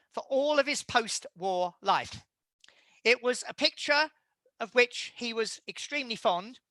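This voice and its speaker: A man giving an illustrated history lecture, measured and halting, with frequent fillers. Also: very high voice, sharp tone, no room sound.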